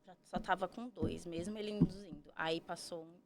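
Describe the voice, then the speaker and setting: A woman's voice: fairly low pitch, fairly even intonation, fairly quick. A woman, telling her story as a podcast guest, chatty and full of tag questions. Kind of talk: casual storytelling.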